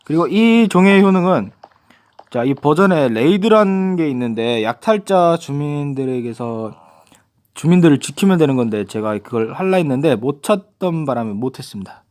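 A man's voice: fairly high pitch, normal speed. A young man giving casual gameplay commentary, explaining new items and talking to himself as he plays. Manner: lively, talks to himself while playing. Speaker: gaming YouTuber.

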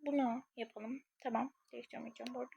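A woman's voice: a little high, flat delivery, rapid-fire, vocal fry, warm tone, a little hiss or hum. A young woman casually commenting on a game she is playing, chatting to her viewers and thinking aloud as she goes. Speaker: gaming channel creator.

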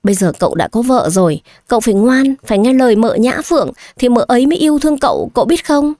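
A woman's voice: fairly high pitch, expressive, quick pace, dark tone, dry recording. Woman voicing a polite old housemaid in her sixties, patient and coaxing, close dry read.

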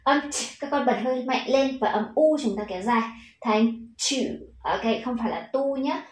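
A woman's voice: a little high, brisk, reverberant, poor audio. A woman with a Vietnamese accent teaching children English pronunciation, patient and encouraging, stretching out the model words.

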